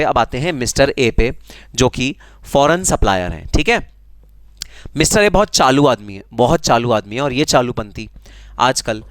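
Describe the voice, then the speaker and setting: A man's voice: on the high side, clear, resonant tone, dry recording. A man with an Indian accent teaching a live online tax class, teasing students and answering their comments in a conversational way. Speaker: GST teacher.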